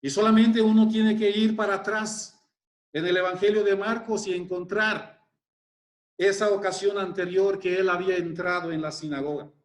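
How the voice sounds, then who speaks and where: A man preaching a sermon, explaining scripture in a deliberate, emphatic way and exclaiming in wonder. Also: high voice, flat delivery, echoey room.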